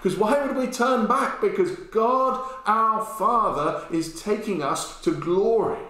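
Echoey, slow-preaching middle-aged man. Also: on the high side. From England. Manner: animated storytelling with gestures, swings between loud and hushed. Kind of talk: sermon. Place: bare-walled room indoors, with a sign language interpreter beside him. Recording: very echoey room.

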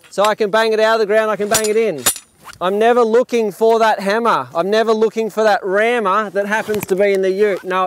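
An Australian farmer in his thirties talks a tour group through his gear in an open paddock, his voice sitting high for a man. He explains things eagerly, stumbling and restarting now and then. The sound comes from a camera set back from him outdoors. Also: a little hiss or hum. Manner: enthusiastic, explanatory, with fillers and restarts. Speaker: farm owner giving a tour. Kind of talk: outdoor demonstration talk. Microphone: camera at a distance.

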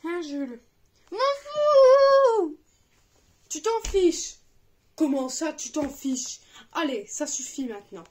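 A woman's voice: sits high, expressive, unhurried, mellow. A woman in her thirties, a mother at home filming her children and scolding her son in a firm parental tone. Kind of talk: casual family vlog. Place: family home indoors.

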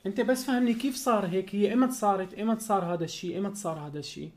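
A man's voice: sits high, very fast. A man with a Syrian accent, a YouTuber talking by phone, soothing and reassuring a friend over and over. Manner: consoling, soothing, repeats reassurances. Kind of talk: phone call.

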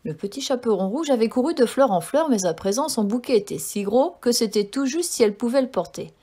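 A woman reading a fairy tale aloud as a storyteller, in a clear, gentle narrating style. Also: on the high side, lively intonation, brisk.

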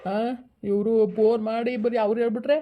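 A woman's voice: fairly high pitch, flat delivery, quick pace, dull audio. A woman in a village comedy sketch, voicing the grieving ghost of an old father who complains and wails. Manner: complaining, wailing, grumbling.

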